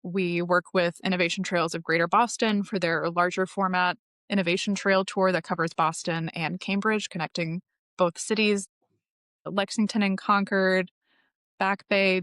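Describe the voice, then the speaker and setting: A woman's voice: on the low side, flat delivery, normal speed, fairly bright tone, no room sound, studio quality. A woman guest on a podcast, explaining her tour company in long, enthusiastic, informative answers. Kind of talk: podcast interview.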